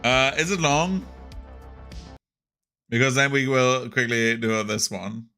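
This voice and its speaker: A man's voice: medium pitch, slow pace, faint music behind. A man streaming casually, reacting to a film with lots of laughter and swearing. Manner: excitable, laughs often, swears a lot.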